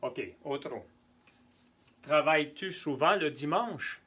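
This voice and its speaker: Male tutor for a bilingual French lesson; unhurried delivery, bright voice. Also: on the high side, slightly rough. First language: neither French nor Spanish. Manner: slow, patient, repeats examples and translates into Spanish. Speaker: French teacher.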